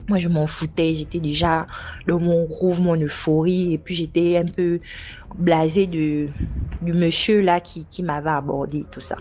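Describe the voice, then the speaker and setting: A young woman tells a personal story about a night out, speaking a little slowly and casually. She brings the people she quotes to life, leaping up and down in pitch for their voices. The recording is slightly dull and lo-fi, with a bit of background noise.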